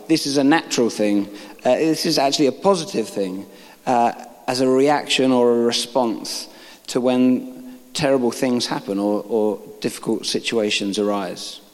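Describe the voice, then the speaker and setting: Guy giving a laid-back sermon, reads bible verses, cracks little jokes at the crowd, big echoey church. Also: medium pitch. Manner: reads scripture aloud, joking asides to the congregation. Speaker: preacher. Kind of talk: informal sermon. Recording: long reverb of a large hall.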